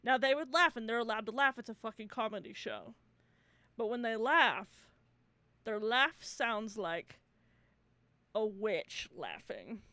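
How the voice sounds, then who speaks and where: Lively, laughing woman podcast host. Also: fairly high pitch, unhurried, long pauses, no echo. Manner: laughs often, swears freely, animated storytelling. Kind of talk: casual chat.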